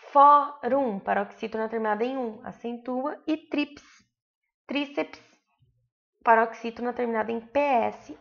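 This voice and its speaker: Brazilian teacher woman, gravelly and lo-fi. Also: a little high. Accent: Brazilian Portuguese. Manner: slow, drawn-out example words with frequent checks like "tá bom?". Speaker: primary school teacher. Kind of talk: online grammar lesson.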